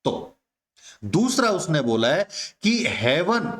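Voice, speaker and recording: Male teacher, higher voice, unhurried, explaining step by step in an echoey room. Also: big pitch swings. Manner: slow, repetitive, addresses students as my dear friends. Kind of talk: explaining a poem to students.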